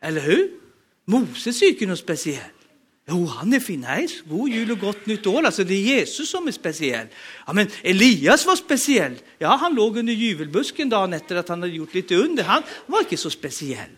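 Man, Norwegian accent, very high voice, emphatic preacher, sermon. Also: big pitch swings, fairly bright tone, husky. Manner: emphatic, urges the congregation to respond.

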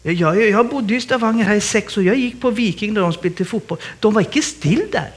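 Male guest preacher, high-pitched, animated sermon delivery full of exclamations and laughter. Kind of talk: lively sermon.

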